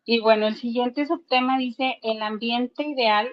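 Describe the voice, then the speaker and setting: A woman's voice: on the high side, fairly even intonation, a little slow, highs cut off. A woman telling a story in casual chat at a book club and reading aloud, earnest, with many fillers and restarts.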